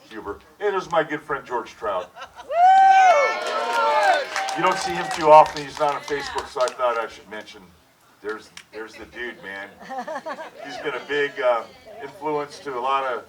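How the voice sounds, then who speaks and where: A widower in his sixties, born in Hawaii, addresses the crowd at an outdoor backyard memorial in a mid-range voice. His casual, heartfelt talk is joking and loose, with lots of fillers and restarts, delivered on a handheld mic that sounds distant among the gathered people.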